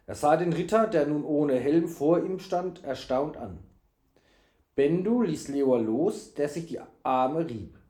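A man narrating an adventure story for an audiobook. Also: a little high. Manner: animated, slow storytelling. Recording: echoey room.

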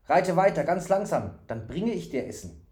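A man's voice: on the high side, big pitch swings, normal speed, darkish tone, echoey room, pitched above the performer's own voice. A man voicing a simple-minded, childlike male fool from the forest, eager and full of repeated questions. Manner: eager, questioning, singsong repetitions.

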